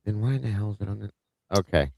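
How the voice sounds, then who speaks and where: A man co-hosting a casual livestream case discussion, blunt and joking, quick to poke fun at himself. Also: on the low side, expressive, vocal fry, dark tone, dry recording, low-quality recording. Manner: blunt, joking, self-deprecating. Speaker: livestream co-host.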